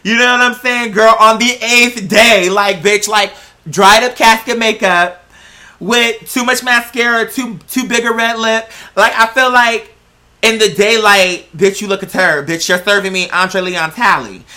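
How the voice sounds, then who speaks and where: An androgynous-sounding American vlog host chatting casually and gossiping in slangy, sassy style, leaning hard on drawn-out stressed words. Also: medium pitch, fairly even intonation, pushed and bright.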